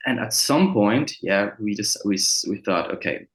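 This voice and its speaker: A fairly low-voiced man who grew up between France and Germany talks through a casual interview in English that is not his first language. He pauses often, filling gaps with "uh" and restarting phrases. The room around him rings with a noticeable echo. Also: lively intonation, fairly bright tone. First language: French or German. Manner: hesitant, many fillers and restarts. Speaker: musician guest. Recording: roomy echo.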